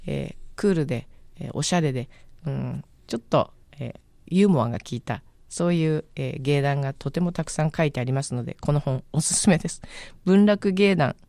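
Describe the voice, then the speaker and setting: A woman's voice: sits low, lively intonation, brisk, creaky, dark tone, no echo. A woman radio host casually recommending a book on air, chatty and musing, often searching aloud for the right word.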